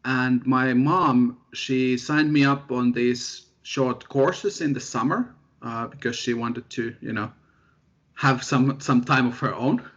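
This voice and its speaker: A young man from Finland, a postdoctoral researcher telling his story in a relaxed, self-deprecating way as an interview guest. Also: medium pitch, slow pace. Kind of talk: casual interview chat. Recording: dull lo-fi audio.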